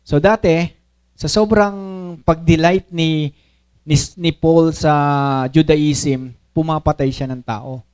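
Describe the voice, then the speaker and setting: Slow and slightly high-voiced, this male pastor mixes languages in his Taglish sermon. He voices the characters' quoted speech with animation, often pausing to ask his audience "okay?" or "no?"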